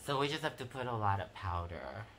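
A woman's voice: a bass voice, sing-song, a little fast, a bit bright. A woman working as a waxing technician, chatting casually and giving a client advice. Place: indoor treatment room. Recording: clear background noise.

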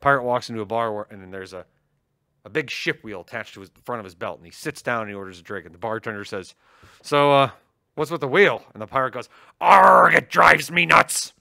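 A man's voice: lowish voice, fast, no echo, clean studio sound. A man co-hosting a tech stream in casual banter, teasing and laughing often as he tells jokes. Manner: laughs often, teasing, animated joke-telling.

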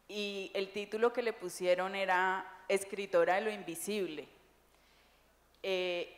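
A woman, an author speaking on a public panel in a lively, joking, conversational way. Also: mid-range voice. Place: large echoey library hall. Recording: echoey hall with long reverb.

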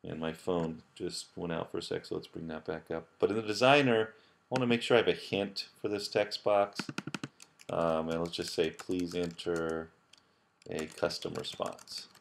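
Very low-voiced man teaching a screencast. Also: level tone, moderate pace, gravelly, slight background noise. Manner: casual, many fillers and restarts. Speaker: professor teaching app building. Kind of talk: screencast tutorial.

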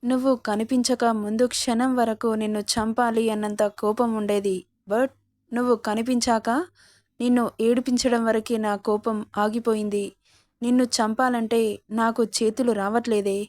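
Intense possessive young man in a romance story, fierce and demanding , read by a woman narrator in her own fairly high, even voice. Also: moderate pace, no echo, studio quality, lightly acted.

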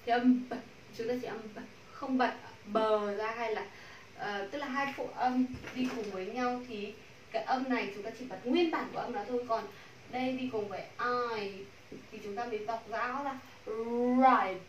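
A woman with a Vietnamese accent teaching English pronunciation to a class, modeling sounds slowly and repeating drills. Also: a little high, far from the mic, lo-fi sound. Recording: echoey room, from the mic, faint noise.

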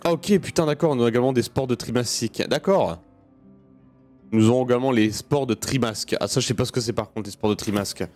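A gaming video host gives casual let's play commentary, muttering informally to himself and swearing freely while video game music plays behind him. He talks fast in a medium-pitched, slightly mellow voice.

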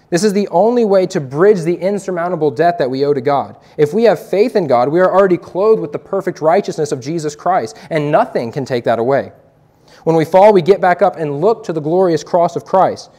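A man's voice: a little high, a little mellow. A young man and evangelist giving an earnest, preacherly testimony to a youth group, quoting scripture as he speaks.

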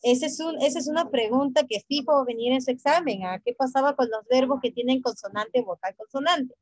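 A woman's voice: sits high, brisk, no room sound, poor audio. A woman English teacher who speaks patiently, repeats each phrase in English and then in Spanish, and quizzes her students by name.

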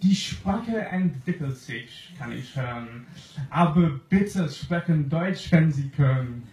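A young Englishman with an English accent reads comic verse in a language that is not his first, slow and deliberate, his voice pitched slightly high. He stands at a stand mic on a small club stage and is filmed from the crowd. The sound is roomy, with faint noise underneath. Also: animated, darkish tone. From England. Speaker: poetry slam performer. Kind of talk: comic poetry reading.

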